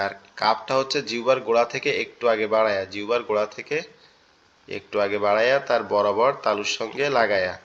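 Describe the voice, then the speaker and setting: A man teaching an online Quran class, explaining each letter patiently and repeating points slowly. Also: lowish voice, fairly bright tone, highs cut off. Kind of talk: online lesson on Arabic letters.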